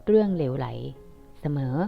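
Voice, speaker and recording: A young woman from Thailand teaching a casual online language lesson, chatty, explaining slowly with fillers and repeating her example sentences. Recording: dull lo-fi audio with faint music.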